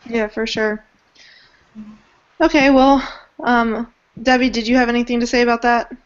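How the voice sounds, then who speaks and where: A woman's voice: on the high side, fairly even intonation, moderate pace, dull audio. A young woman leading an online group discussion, talking hesitantly with many fillers, over a video call. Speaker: education student leading a group hangout.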